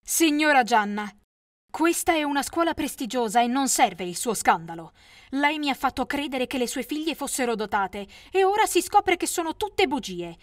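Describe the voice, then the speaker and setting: A stern middle-aged headmistress from an animated storybook, as a woman narrator plays her. She speaks firmly and formally in a fairly high voice. The sound is dry and close. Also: normal speed, no room sound. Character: stern middle-aged female school principal.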